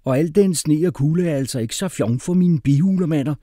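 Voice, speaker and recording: A man's voice: a little high, mellow, no echo, clean studio sound, voice pushed up, close to an everyday voice. A man voicing a laid-back male hippie with a drawling way of talking. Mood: fretting. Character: mellow male hippie, worried about karma.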